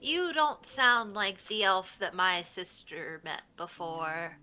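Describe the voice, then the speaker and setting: A woman's voice: medium pitch, very animated, takes it slowly, sharp tone, faint music behind, voice pushed down, exaggerated voice. A woman voicing a curious, blunt young tiefling boy in a tabletop game, with hesitant, childlike questions.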